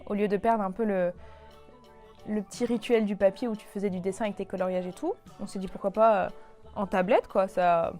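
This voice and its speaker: A woman's voice: medium pitch, steady tone, a little fast, warm tone, faint music behind. A young woman casually presenting a toy to the camera, with lots of fillers and restarts. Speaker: toy review YouTuber.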